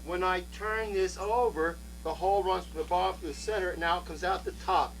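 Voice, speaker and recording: Man, children's party magician, fairly high voice, theatrical patter, coaxing and counting aloud, humming noisy home recording. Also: steady tone, brisk, vocal fry. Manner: coaxes audience, counts aloud, theatrical presenting.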